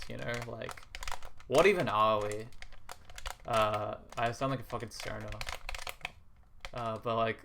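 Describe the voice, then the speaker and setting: A young man thinks out loud while gaming, his talk loose and halting, full of restarts and soft chuckles. His voice sits at an ordinary middle pitch. Faint keyboard clicks and a light hiss sit under his speech. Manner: rambling and hesitant, full of restarts; soft and reflective, with quiet laughs. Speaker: gaming video creator. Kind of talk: casual musing while playing a video game.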